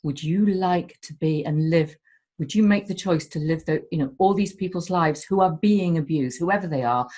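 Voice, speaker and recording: A woman's voice: low voice, moderate pace, darkish tone. A woman speaking as a guest in a candid conversation, heartfelt and emotional, swearing casually as she talks.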